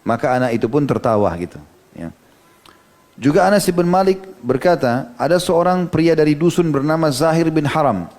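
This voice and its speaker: A man's voice: fairly high pitch, expressive, normal speed, a little mellow. A middle-aged man giving an Islamic sermon, telling stories from hadith with frequent "ya" asides. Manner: storytelling lecture, quoting hadith, frequent "ya" asides. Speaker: Islamic preacher.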